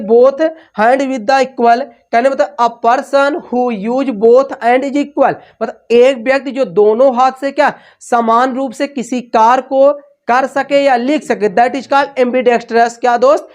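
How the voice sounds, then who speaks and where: A woman's voice: sits high, steady tone, slow, darkish tone. A woman teaching English vocabulary for exam prep, with repetitive call-and-response questions, switching between Hindi and English.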